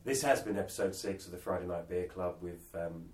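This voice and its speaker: A man's voice: low-pitched, fairly quick, darkish tone, roomy sound, distant mic. A man, co-hosting a podcast with joking, sweary casual chat. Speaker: podcast co-host.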